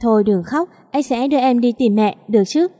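A woman voicing a kind, protective little boy who speaks gently and reassuringly. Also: fairly high pitch, a little fast, close to an everyday voice. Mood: gentle. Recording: long reverb.

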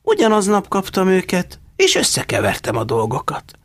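Guy doing a fussy old lady in an audiobook, high and coaxing, gravelly husky edge, dry sound. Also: huge pitch swings, dry recording, heavily acted. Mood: insistent. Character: shrewd, fussy old woman foster mother. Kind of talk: audiobook character voice.

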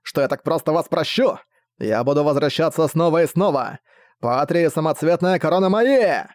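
A man's voice: a little high, lively intonation, normal speed, darkish tone, dry recording, lightly acted. A man voicing a proud, defiant older prince who commands a fleet, speaking in a haughty, scornful way.

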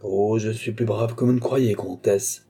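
A man's voice: on the low side, fairly even intonation, unhurried, creaky, dark tone, husky, exaggerated voice. A man voicing a wily old courtier duke in an audiobook, mannered and ironic. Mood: sly. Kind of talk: audiobook character voice.

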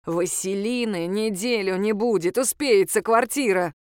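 A woman reading the lines of a gruff, mocking male demon in an audiobook, curt and grumbling. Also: mid-range voice, a little slow, no echo, studio quality, lightly acted.

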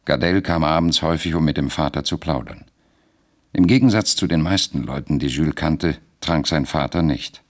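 A man narrating a radio drama in a measured, deliberate storytelling manner. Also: extremely low pitch.

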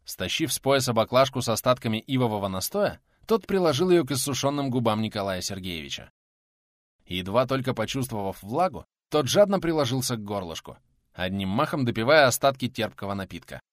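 A man reading an audiobook aloud in a dramatic, expressive style. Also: mid-range voice, fairly quick, no echo, studio quality. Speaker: audiobook narrator. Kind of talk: scripted audiobook narration.

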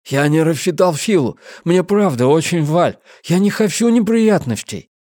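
A man's voice: a little high, lively intonation, normal speed, darkish tone, no room sound, clean studio sound, pitched above the performer's own voice, natural voice. A man voicing a timid giant in an audiobook, with slurred, mangled speech. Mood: pleading. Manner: slurred, mangled words, pleading.

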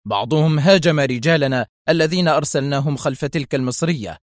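A man reading a story aloud, voicing an angry, agitated male intelligence officer who keeps snapping and shouting. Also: a little high, quick pace, dry recording, studio quality, lightly acted. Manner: sharp, agitated outbursts.

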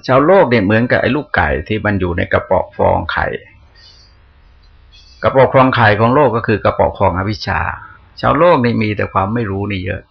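A Buddhist monk delivers a dharma talk in a low, gravelly, husky voice. He keeps it conversational, asking questions aloud and then answering them himself. The recording is dull and lo-fi. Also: fairly quick.

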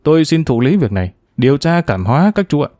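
Brief: male narrator doing a calm, fatherly retired investigator in his sixties or older, dark, dry audiobook voice. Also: a little high, quick pace, no room sound. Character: retired male police investigator, older, patient and gently wry.

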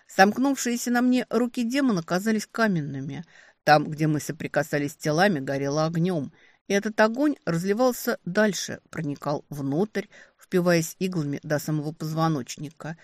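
A woman narrating a first-person romantic fantasy audiobook, expressive and lively on the heroine's lines. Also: low-pitched, dry recording.

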